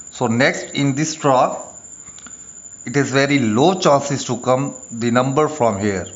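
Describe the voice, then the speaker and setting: A man who speaks as a narrates an instructional video as a presenter, speaking deliberately in short phrases with pauses. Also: medium pitch, muffled recording. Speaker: lottery tips presenter.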